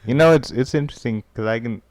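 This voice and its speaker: A man's voice: mid-range voice, fast talker, a little mellow. A laid-back man chatting as a podcast guest, sprinkling his talk with filler words. The sound is dry and close, with no room echo. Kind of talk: casual chat.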